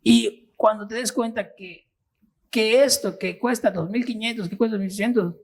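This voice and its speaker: A man, an interview guest giving a personal testimony in an earnest, halting way. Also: sits high, vocal fry, husky. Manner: earnest, halting, with restarts and fillers.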